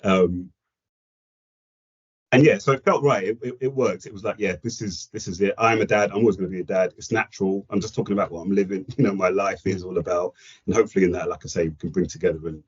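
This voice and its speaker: A Kenyan-born man in his forties with a London accent talks through his story in a relaxed, reflective way. His voice sits a little low and has a husky edge. The recording sounds dull and lo-fi. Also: quick pace. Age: 40s. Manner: reflective, chatty, self-deprecating. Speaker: podcast guest. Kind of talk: casual chat. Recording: dull lo-fi audio.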